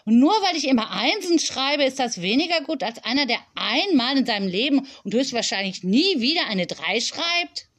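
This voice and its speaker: A woman's voice: fairly high pitch, normal speed, lightly acted. A woman reading an audiobook, voicing a proud, petulant schoolgirl who sounds whiny and indignant. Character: sulky top-grade schoolgirl, proud and petulant.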